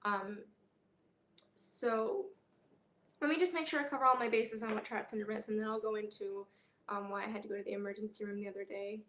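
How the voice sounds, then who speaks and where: Woman vlogging about her health, kinda high voice, talks in stops and starts, roomy echo. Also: fairly bright tone. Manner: candid, halting, many fillers and pauses. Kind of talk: personal health vlog.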